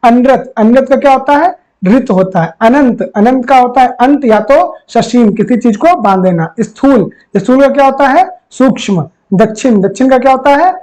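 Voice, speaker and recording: A man's voice: very high-pitched, expressive, moderate pace, hardly any pauses, a little mellow, poor audio. A man teaching a Hindi spelling and vocabulary lesson for an exam, repeating each word and asking the viewer questions. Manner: repeats words and quizzes the viewer; calls viewers friends. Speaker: exam tutor.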